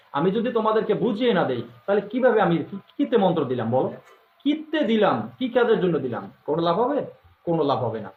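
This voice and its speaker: High-pitched man, tinny echoey recording. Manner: slow, deliberate, repeats phrases, scolds viewers directly. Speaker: channel host teaching mantras. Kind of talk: instructional talk to viewers. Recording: echoey room, tinny phone-like sound.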